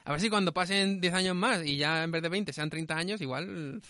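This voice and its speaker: A man co-hosting a casual film review chat. He talks quickly and acts out lines he quotes. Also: sits high, pushed and bright, no room sound, clean studio sound. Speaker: podcast co-host.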